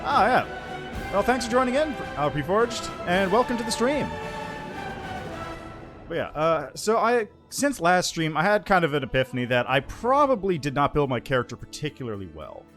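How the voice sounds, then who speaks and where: Male streamer, headset mic, chatty and animated, pitch a bit high, faint game music behind. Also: normal speed. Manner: chatty, greets viewers and reads chat aloud. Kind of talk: casual livestream chat while gaming. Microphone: headset mic on a livestream.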